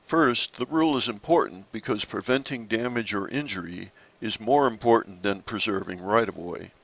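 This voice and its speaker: A man narrating a slide-based lesson on sailing rules in a measured, explanatory way. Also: on the low side, gravelly, fairly bright tone, muffled recording. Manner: measured, explanatory, occasional restarts.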